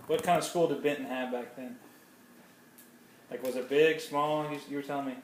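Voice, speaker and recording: A man's voice: medium pitch, steady tone, normal speed. A young man interviewing his grandmother, rephrasing his questions in a rambling way. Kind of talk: casual family interview. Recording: echoey room, far mic, faint noise.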